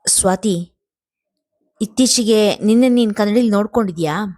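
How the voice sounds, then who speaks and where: A woman's voice: mid-range voice, normal speed, a little mellow, no room sound, close to an everyday voice. A woman reading a family storybook, voicing a young father who speaks in a firm, clipped way. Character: stern young father, harsh and resolute.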